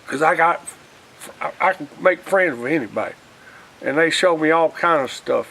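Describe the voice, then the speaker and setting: An animated, gravelly voice, bright and forceful, sits on the high side and moves at a normal speed despite poor audio. It belongs to an older Alabama man, a storyteller and former union organizer, who casually meanders through folksy memories and often quotes past talks.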